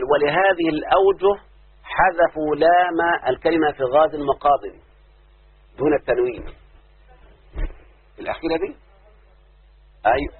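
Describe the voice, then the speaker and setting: Husky Egyptian man teaching grammar. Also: mid-range voice. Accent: Egyptian Arabic. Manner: keeps checking with questions. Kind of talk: grammar lesson. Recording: muffled phone-like audio.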